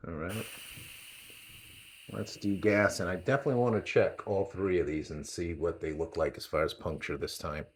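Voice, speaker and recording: A man's voice: sits low, normal speed. A man with a New England accent, casually narrating a hands-on gear test, calling out readings with chatty, rambling asides. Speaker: channel host testing gear.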